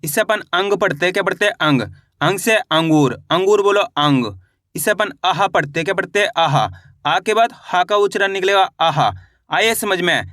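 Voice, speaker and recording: A man teaching beginners to read the Hindi alphabet in a high, bright, forceful voice. He works through the letters one sound at a time, patiently slowing on example words and often asking if it is clear. The sound is close and dry. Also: no room sound. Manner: patient, drills sounds one by one and checks understanding.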